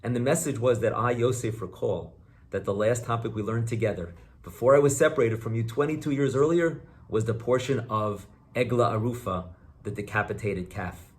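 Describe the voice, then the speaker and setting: A man's voice: medium pitch, moderate pace. Questioning rabbi, a man delivering a sermon. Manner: questioning, posing rhetorical questions and answering them. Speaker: rabbi giving a Torah talk.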